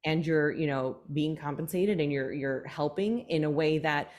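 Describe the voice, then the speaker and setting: A woman with a notably low, deep voice hosts a relaxed podcast chat. She talks in an animated, rambling way, full of fillers and restarts, and her tone climbs when she gets excited. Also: normal speed. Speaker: podcast host. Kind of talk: casual conversation.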